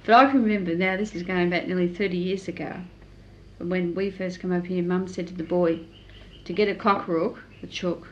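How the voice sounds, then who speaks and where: Woman, animated, laughing storyteller, interview. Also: on the low side, moderate pace, muffled recording, slight background noise. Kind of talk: anecdote in interview.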